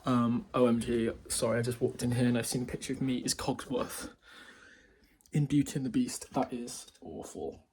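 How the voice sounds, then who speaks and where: A man's voice: mid-range voice, little pitch movement, normal speed, a little mellow, slight background noise. A man, chatting casually into a handheld phone, rambling and restarting his sentences. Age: 20s. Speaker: vlogger. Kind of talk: casual vlog. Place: house and garden at his grandparents'.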